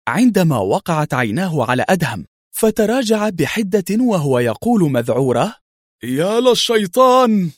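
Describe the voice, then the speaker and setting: A man reading a thriller story aloud with dramatic, expressive narration. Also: fairly high pitch, moderate pace, no room sound, studio quality.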